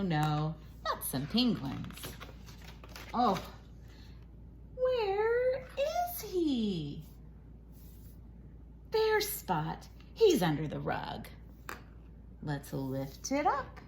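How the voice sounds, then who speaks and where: A mid-range female voice swings hugely in pitch, moving very slowly, creakily, and with frequent pauses. She's an educator reading a picture book aloud to young children in a sing-song, exaggerated storytime manner, modeling core words. The recording has loud noise behind her.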